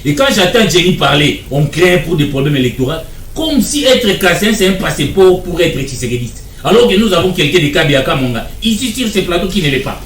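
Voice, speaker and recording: Man, insistent debater, somewhat high voice, echoey room heard from a distance. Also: sing-song, brisk, slight background noise. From Democratic Republic of the Congo. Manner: insistent, argumentative, repeats points. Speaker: political debate guest. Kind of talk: televised political debate.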